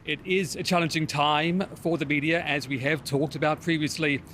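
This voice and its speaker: A male TV news reporter with a New Zealand accent delivers a report. His voice sits a little high for a man. There is faint low noise behind him. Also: fairly even intonation, moderate pace, a bit bright. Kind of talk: scripted news report and live cross.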